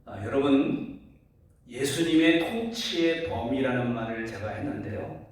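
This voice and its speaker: A man's voice: mid-range voice, animated, unhurried. A pastor preaching a Sunday sermon, speaking earnestly to his congregation and posing rhetorical questions. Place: church sanctuary. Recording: very echoey hall, voice from far off.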